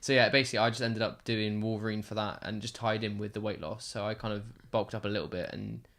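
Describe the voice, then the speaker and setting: A young man chatting casually as a podcast guest, rambling and halting with many fillers. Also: lowish voice, steady tone, fairly bright tone. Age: young adult. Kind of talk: casual chat.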